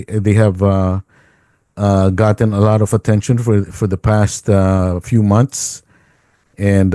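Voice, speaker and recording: A middle-aged Filipino man hosting a radio talk show, speaking haltingly with many ums and uhs. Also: fairly low pitch, warm tone, no room sound, clean studio sound. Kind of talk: casual interview.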